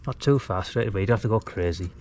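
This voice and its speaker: Very fast and a little mellow, with a fairly low pitch, a British radio hobbyist and DIY vlogger talks casually as he works. He's outside at a house's brick wall, and the clear audio includes the background noise of outdoor work.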